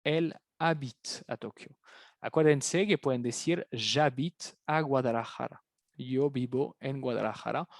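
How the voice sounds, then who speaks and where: A man's voice: medium pitch, unhurried, no echo, studio quality. A man teaching a French review lesson in Spanish, patiently repeating phrases for his students. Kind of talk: online language lesson, explaining in Spanish.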